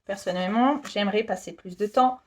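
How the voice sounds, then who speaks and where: A woman's voice: mid-range voice, fairly quick, darkish tone. A woman in her thirties presenting her work in a casual, giggly, self-deprecating vlog chat. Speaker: YouTuber presenting her shop.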